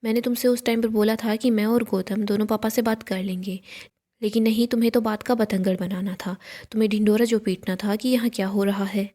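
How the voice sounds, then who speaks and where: A woman reading the lines of an angry young husband, scolding and bitter, in a plain, mellow voice. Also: mid-range voice, steady tone, brisk, natural voice.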